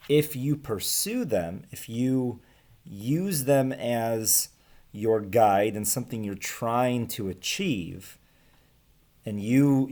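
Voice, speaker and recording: An American man in his thirties with a lowish voice gives a casual read-aloud lesson to camera, explaining things to students in plain, simple words with pauses. He's in a small room at home lined with bookshelves, picked up by a webcam or laptop mic at desk distance.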